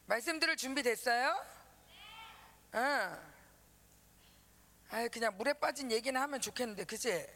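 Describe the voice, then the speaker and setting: Woman, pastor's wife, children's sermon; gravelly, lively, acts out every voice. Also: on the high side, moderate pace, long pauses.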